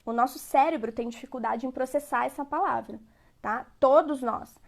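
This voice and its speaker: A woman's voice: sits high, normal speed, creaky. A woman giving a parenting lecture, conversational and repetitive, often checking in with her listeners. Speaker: parenting educator.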